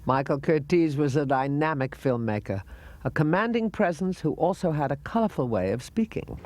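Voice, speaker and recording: A man giving scripted documentary narration in a measured, informative way. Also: fairly high pitch, expressive, a little mellow.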